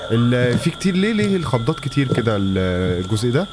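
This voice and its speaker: A man's voice: mid-range voice, big pitch swings, fast talker, noisy background. A man with an Egyptian Arabic accent, talking nervously to himself while playing a horror game for his channel. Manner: jumpy, talks to himself, nervous mutterings. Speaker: gaming channel host. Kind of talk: horror game let's-play commentary.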